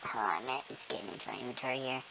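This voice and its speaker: Rapid-fire and creaky, a gamer's speech is morphed by a filter into a tiny, squeaky squirrel voice as they give a rambling tour of their build. They toss in many ums and keep correcting themselves. There's a noisy background.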